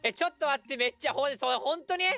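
A man giving lively live commentary while streaming a game, breaking into quick shouted reactions and laughs. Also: very high-pitched, faint music behind.

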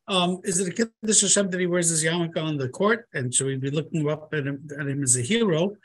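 A middle-aged man with a fairly high, rough-edged voice hosts a religious discussion. He is questioning and pointed, speaking into a headset mic on a video call. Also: a little fast. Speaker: host questioning a rabbi. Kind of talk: question-and-answer moderation. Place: book-lined study, video call. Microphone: headset microphone.

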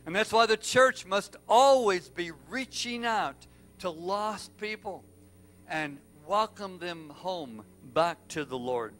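A man's voice: high voice, lively intonation, slow. Impassioned male pastor preaching. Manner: impassioned storytelling, swinging from loud to hushed. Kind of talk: sermon.

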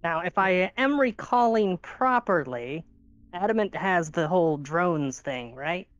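A woman's voice: on the low side, expressive, a little slow, no room sound, muffled recording. A woman chatting casually as a player in a tabletop game, playful and exclamatory. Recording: music behind the voice.

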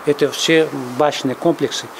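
Outdoor noise and passing traffic fill the background as a middle-aged man speaks in a casual interview beside a road in a mountain village. He recounts memories plainly to the interviewer, repeating himself along the way, in a slightly high, steady voice at a normal pace.

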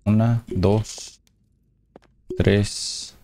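Slow-talking man playing a horror game. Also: fairly low pitch, fairly even intonation, background noise. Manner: reads game dialogue aloud between casual reactions. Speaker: gameplay commentator. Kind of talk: let's play commentary.

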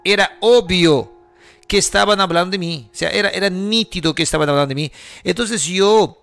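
A man giving an emotional personal testimony in a halting, earnest way, with many fillers and tag questions. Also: high voice, gravelly, fairly bright tone, soft background music. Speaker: testimony speaker.

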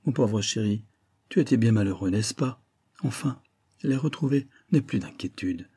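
A man's voice: lowish voice, animated, normal speed, warm tone, husky. A man reading an audiobook voices a wealthy young widow, a countess, with a pleading, emotional manner. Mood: tearful. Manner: pleading, breathless, tearful.

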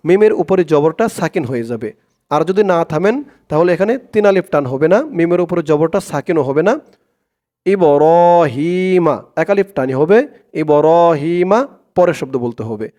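A man with a Bangladeshi accent teaching Quran recitation, spelling out Arabic syllable by syllable and chanting the phrases in long drawn-out tones. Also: on the high side, lively intonation, mellow. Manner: slow, drawn-out chanting of the Arabic phrases, plain spoken explanations.

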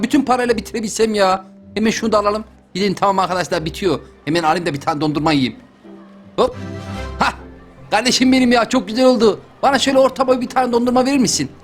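A young man doing joking lets-play commentary for a gaming channel, talking straight to his viewers. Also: sits high. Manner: excitable, joking, talks to viewers. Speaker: gaming youtuber.

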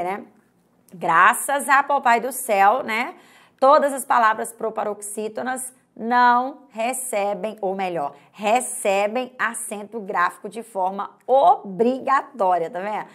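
A woman from Brazil gives an online grammar lesson in a slightly high voice. She stretches out example words and keeps checking in with her students. Her pace is uneven, with slow stretches and quick bursts. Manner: pauses and hurries unevenly. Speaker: Portuguese language teacher.

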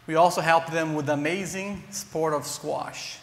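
A Brazilian man in his thirties, a nonprofit director with a Brazilian accent, speaks earnestly as a panelist on a large conference hall stage, often with ums and restarts. His slightly high, a bit bright voice holds a steady tone at normal speed, picked up by a lapel mic amid echoey hall reverb.

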